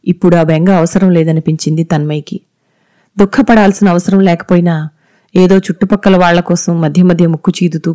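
A narrator reading a story aloud in a measured, even storytelling manner. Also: medium pitch. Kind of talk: scripted audiobook narration.

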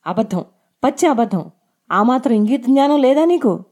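A woman's voice: mid-range voice, brisk, darkish tone, lightly acted. A woman voicing a hurt young wife, tearful and grieving. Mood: furious.

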